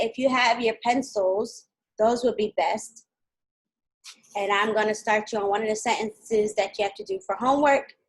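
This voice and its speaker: A woman teaching a live online kindergarten lesson, patient and clear, speaking slowly to young children over a video call. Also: medium pitch, rough recording.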